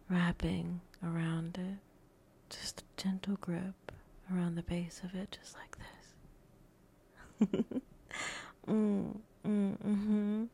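A woman whispering a teasing, dominant audio roleplay in a breathy voice, with soft chuckles between phrases. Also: lowish voice.

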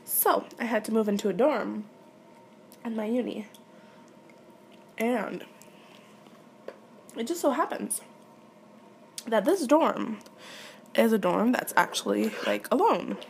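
A young adult woman from Quebec, in her late teens, speaks French as her first language and answers listener questions as an audio creator. She chats candidly, hesitantly and giggly, rambling along. Her slightly high, darkish voice is slow with lively intonation, vocal fry and frequent pauses, over a little hiss or hum.

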